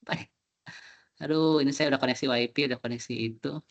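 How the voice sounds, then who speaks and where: A man's voice: medium pitch, steady tone, fast, vocal fry, highs cut off. Male lecturer, choppy breaking-up call audio, probing questions. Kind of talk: online class consultation. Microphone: video call.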